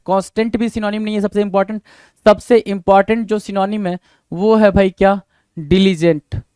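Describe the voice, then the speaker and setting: Man, exam-prep vocabulary lesson, rhetorical questions, bright high pitch, dry close recording. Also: smooth, dry recording. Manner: rhetorical questions to students, repeats words. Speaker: vocabulary teacher.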